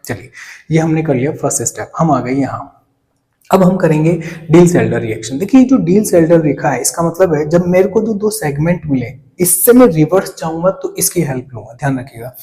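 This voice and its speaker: Mellow-voiced man teaching chemistry. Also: fairly high pitch, lively intonation, normal speed, poor audio. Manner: asks questions to the class and answers them, with playful asides. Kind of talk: whiteboard lecture.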